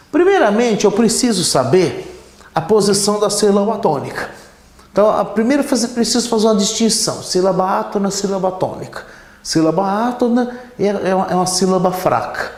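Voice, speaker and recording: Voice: medium pitch, a little mellow. A teacher explaining grammar at a whiteboard, often checking in with "né?" and drawing words out while writing. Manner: explanatory, frequent "né?" tag questions, stretches words when writing. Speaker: Portuguese teacher. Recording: echoey room.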